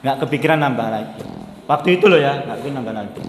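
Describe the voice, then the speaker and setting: Preacher in echoey hall. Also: male voice, mid-range voice, expressive, very fast, a little hiss or hum. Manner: conversational, repeats points, mixes in Javanese words. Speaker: Islamic preacher. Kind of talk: sermon. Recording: echoey hall, faint ambience.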